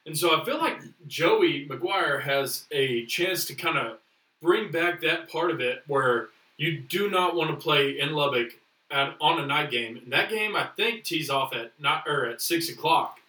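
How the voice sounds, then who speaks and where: A man's voice: on the high side, lively intonation, a little slow, pushed and bright. A man co-hosting a podcast, rambling through casual sports talk with lots of fillers. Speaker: podcast co-host. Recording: echoey room, distant mic.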